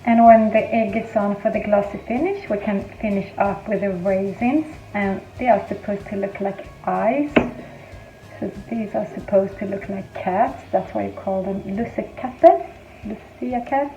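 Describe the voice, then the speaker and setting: Her mid-range voice comes across a little slow, and the audio sounds dull, as this Greek-born, Sweden-raised home cook casually explains each baking step in her kitchen vlog. The space is echoey, with faint music in the background.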